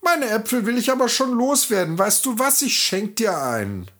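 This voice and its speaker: A storyteller voicing a sly old farmer woman, high-voiced and falsely friendly. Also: sing-song, normal speed, fairly bright tone. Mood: coaxing.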